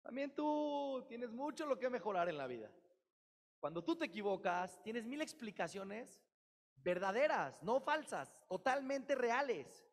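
High-voiced man lecturing. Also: measured pace. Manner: lively, acts out little dialogues. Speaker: seminar teacher. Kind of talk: religious lecture to women. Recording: long hall reverb.

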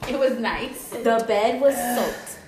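Woman, podcast co-host, crude, laughs a lot, slightly high voice, echoey noisy room. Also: slow pace. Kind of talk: casual drinking-game chat.

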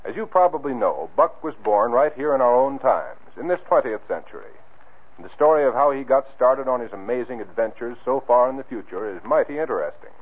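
A man's voice: mid-range voice, expressive, a little fast. A man speaking as an old-time radio announcer, reading scripted sponsor copy and narration straight to the listeners in a showy way. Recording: tinny, band-limited vintage radio recording.

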